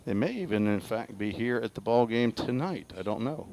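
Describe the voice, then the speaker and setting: A man's voice: mid-range voice, expressive, moderate pace, gravelly, darkish tone. A man doing folksy color commentary on a baseball broadcast from a stadium press box, chatting and reading out player stats.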